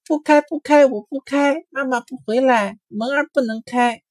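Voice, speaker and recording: A man voicing a group of excited little rabbit children in a storybook reading. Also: normal speed, dry recording, studio quality. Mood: defiant. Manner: squeaky high chorus-like exclamations.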